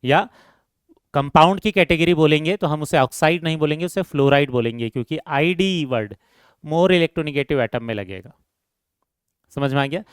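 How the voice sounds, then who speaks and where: A man's voice: fairly high pitch, normal speed, smooth, dry recording, clean studio sound. A man teaching a chemistry lecture who asks the class questions and answers them himself, repeats key terms and calls his students "beta".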